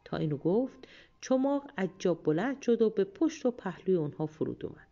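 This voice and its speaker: A woman narrating a folk tale as an audiobook reader, steady and calm. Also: mid-range voice, highs cut off. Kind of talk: storybook narration.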